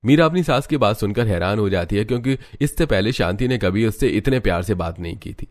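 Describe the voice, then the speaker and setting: A man narrating a cartoon story in an even storytelling manner. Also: on the low side, a little fast.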